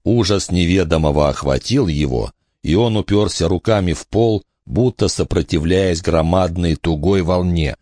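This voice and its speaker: A man narrating an audiobook in an expressive, dramatic storytelling manner. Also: sits low, normal speed, hardly any pauses, no echo, clean studio sound. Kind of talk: scripted narration.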